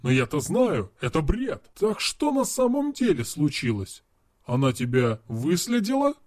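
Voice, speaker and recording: A man doing a loud, swearing young buddy. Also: fairly high pitch, big pitch swings, a little slow, no room sound, studio quality. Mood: serious. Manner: yelling, swearing, mocking. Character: brash excitable young man, loud best friend. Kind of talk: audiobook character reading.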